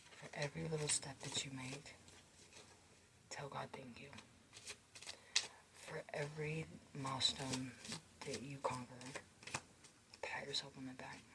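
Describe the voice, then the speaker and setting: A woman doing a whispered card reading, slow and reflective, giving gentle life advice while chewing gum. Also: a bass voice, level tone, very noisy. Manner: chews gum, blowing bubbles. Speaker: tarot or oracle card reader.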